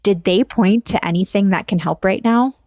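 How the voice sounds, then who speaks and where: A woman hosting a local news podcast, reading out phone numbers slowly and clearly. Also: medium pitch, a little mellow, dry recording. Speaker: podcast host and executive producer.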